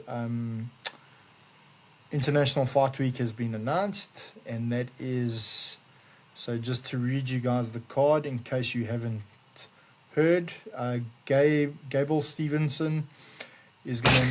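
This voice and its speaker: Relaxed dude running his podcast segment, mid-pitched voice. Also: slow pace. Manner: laid-back, reads out news items. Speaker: podcast co-host. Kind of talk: casual podcast chat.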